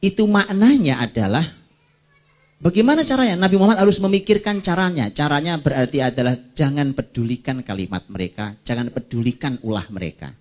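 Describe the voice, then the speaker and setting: Male preacher, middle-aged, animated lecturing delivery with wide pitch swings, direct and conversational with his congregation. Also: fairly quick. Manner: animated, rhetorical questions, addresses listeners as "Pak". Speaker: Islamic preacher.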